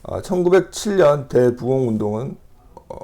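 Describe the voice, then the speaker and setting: Reading scripture and then explaining it, a male pastor delivers his sermon in a measured manner, pausing frequently. His voice is mid-range, mellow and animated.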